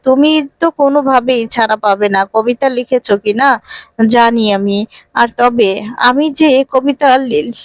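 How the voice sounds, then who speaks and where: A woman's voice: high voice, no room sound. A woman voicing a fierce young heroine who threatens and commands in a plain storyteller's voice.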